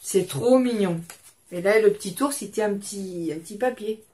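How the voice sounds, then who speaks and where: A woman's voice: mid-range voice, normal speed, darkish tone. Chatty woman in her fifties. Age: 50s. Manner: rambling, chatty, self-interrupting. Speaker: craft channel host. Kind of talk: casual chat. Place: at a home desk, indoors.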